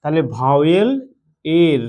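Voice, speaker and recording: Slow-talking man teaching English pronunciation. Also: fairly high pitch, warm tone. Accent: Bengali. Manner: slow, repetitive, asks and answers his own questions. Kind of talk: slow spoken lesson.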